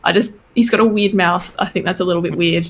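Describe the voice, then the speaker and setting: A woman's voice: fairly low pitch, fairly even intonation, gravelly. Giggly woman, frank podcast chat. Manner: giggly, frank, quick to laugh. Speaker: podcast co-host. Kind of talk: casual chat.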